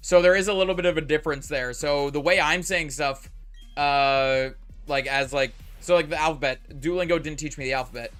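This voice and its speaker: Over faint background music, a young man from Canada chats casually on a live stream in a fairly high, brisk voice that's fairly bright, clear, and resonant. He sounds mostly General American with a slight Canadian tinge, rambles with plenty of "like" and "uh" fillers, and hums as he plays.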